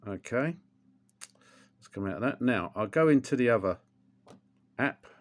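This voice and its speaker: An older English motorcycle vlogger chats casually while giving a how-to demonstration at home, rambling with lots of ums and restarts. His mid-range voice is expressive and moves at a normal speed.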